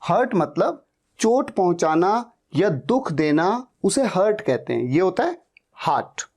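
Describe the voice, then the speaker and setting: Male spoken-English teacher, unhurried, lively pitch, repeats each word many times. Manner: drills words slowly, repeating them. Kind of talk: pronunciation lesson.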